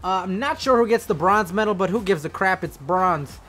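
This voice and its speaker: A young man with a high, boyish voice calls a video game match in rowdy, crude, sarcastic play-by-play. Faint music plays underneath. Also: moderate pace, a bit bright. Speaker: game commentator. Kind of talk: joking play-by-play commentary.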